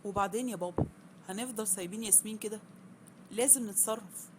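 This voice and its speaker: A woman's voice: medium pitch, quick pace, lightly acted. A woman voicing a young adult son who talks in a concerned, urgent way. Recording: noisy background.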